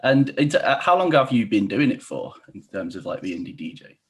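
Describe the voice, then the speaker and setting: A man's voice: lowish voice, big pitch swings, brisk, husky. A young man casually interviewing a guest on a video call, asking long, hesitant questions. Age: young adult. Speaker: podcast interviewer. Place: indoor room, video call.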